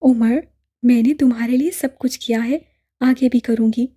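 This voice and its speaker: A woman's voice: on the high side, fairly even intonation, normal speed, dark tone, breathy edge. A woman voicing an adoptive mother who insists tearfully on her love, in an audiobook drama. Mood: pleading. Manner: insistent, emotional.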